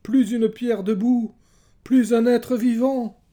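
A man's voice: medium pitch, a little slow, dark tone, lightly acted. A man voicing a desperate young prophetess whose warnings go unheard, pleading and crying out in a raised voice. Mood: frantic. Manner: frantic, pleading, rising to wild cries.

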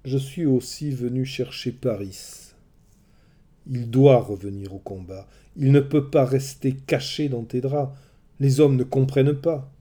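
A man reading a storybook, voicing a brave Trojan warrior prince who speaks gravely and tenderly to his family. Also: mid-range voice, steady tone, measured pace, dark tone, close to an everyday voice.

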